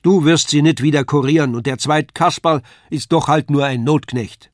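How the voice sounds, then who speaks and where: A man doing a shrill scolding puppeteer's wife. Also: normal speed, no room sound, clean studio sound, natural voice.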